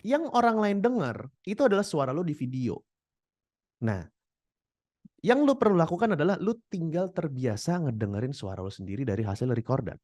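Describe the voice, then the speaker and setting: A young man coaches would-be creators in a loose, slangy way. His pitch sits a little high and swings widely as he acts out examples. The sound is dry and close. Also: no echo. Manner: animated, demonstrates voices while explaining. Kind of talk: casual slangy tutorial talk.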